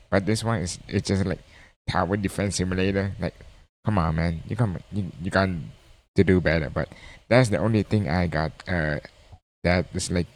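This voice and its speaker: A man with reacting to a video in casual, rambling commentary, blunt and full of restarts. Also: low voice.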